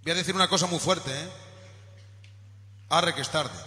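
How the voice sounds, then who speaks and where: A man from Spain preaching a sermon in a church, shouting at his peaks and dropping low in between. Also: normal speed. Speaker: pastor. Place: church hall. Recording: echoey church hall recording with faint music.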